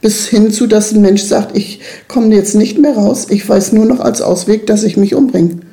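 A middle-aged woman with a gravelly, mellow voice speaks in an earnest, emphatic way. She is being interviewed about her work with children and keeps checking that her listener agrees. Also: medium pitch, steady tone, normal speed. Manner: earnest, emphatic, often asks "ne?". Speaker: children's club leader. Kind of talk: interview conversation.

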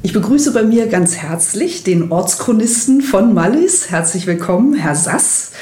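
A woman's voice: medium pitch, expressive, a little slow, over music. A woman hosting an interview politely and formally, in a public radio manner. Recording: roomy, echoing interview recording.

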